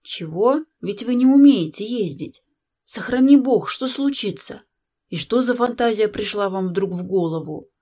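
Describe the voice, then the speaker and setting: Woman doing a young male hussar, gruff, jealous, stern, grumbling. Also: mid-range voice, expressive, a little slow, darkish tone.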